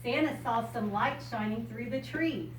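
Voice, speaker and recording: Her voice sits a little high and moves at a moderate pace as this older American woman, 60s or more, addresses young listeners simply and explanatorily. Visiting as a storyteller and RV enthusiast, she mixes casual talk with picture-book reading, captured by a distant mic in an echoing, noisy room.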